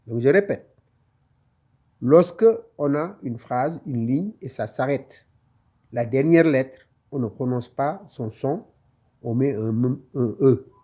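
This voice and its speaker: A man teaching Quran reading in a slow, patient lesson, explaining each letter and repeating the phrase in a drawn-out recitation. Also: mid-range voice, expressive, dark tone.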